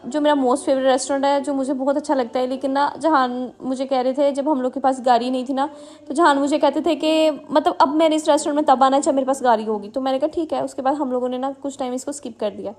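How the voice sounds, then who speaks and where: A young woman, a mother, chatting through a casual vlog voice-over with lots of fillers and friendly asides to viewers. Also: high voice. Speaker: family vlogger and mother.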